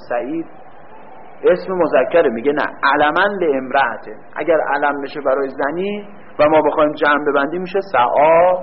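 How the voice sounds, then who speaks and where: A man giving a grammar lecture, quizzing the class with questions and answering them himself, stretching out key words. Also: fairly high pitch. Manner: drawn-out stress on key words. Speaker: teacher. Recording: dull lo-fi recording with faint room hum.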